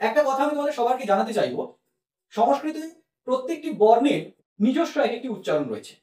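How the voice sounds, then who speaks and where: A man teaching as a language teacher, patiently explaining and repeating each letter slowly. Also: very high voice, very animated, a little mellow. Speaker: Sanskrit teacher. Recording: very echoey room, mic far off.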